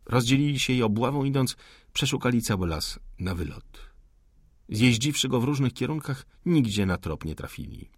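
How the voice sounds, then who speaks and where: A man narrating a literary audiobook in a measured, deliberate reading manner. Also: medium pitch, expressive, slightly rough, dry recording, studio quality.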